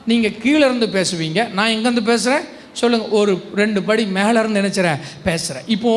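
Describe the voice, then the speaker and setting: Very high-pitched pastor. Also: male voice, a bit bright. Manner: prompts the congregation to answer aloud, shifting between slow emphasis and rapid bursts. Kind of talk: call-and-response sermon.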